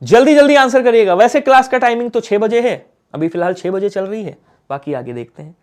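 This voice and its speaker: A man's voice: high-pitched, lively intonation, brisk, a little mellow. A man with a Hindi accent teaching a live online exam-prep class, coaxing the viewers and asking questions that he then answers himself.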